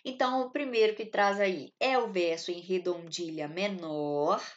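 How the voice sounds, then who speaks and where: On lo-fi audio, a woman with a fairly low voice and a Brazilian Portuguese accent gives a literature lesson at a measured pace. She explains each step and keeps confirming the class is with her through short tag questions.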